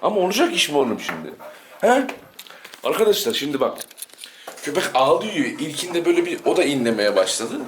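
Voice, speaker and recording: A man with a fairly high voice talks casually to his viewers and his dog in a home room. He teases, scolds and coos at the dog as he goes. The recording is noisy, with dog sounds behind him. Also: sing-song, brisk. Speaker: dog channel vlogger.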